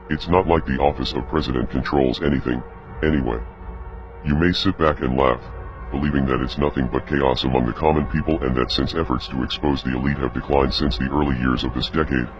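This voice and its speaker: A man reading a grave, accusatory scripted statement as an anonymous spokesperson, his voice disguised by a voice changer that drops it very deep. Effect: voice changer lowering the pitch, disguised deep voice. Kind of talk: scripted statement read aloud. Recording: muffled lo-fi audio with music behind.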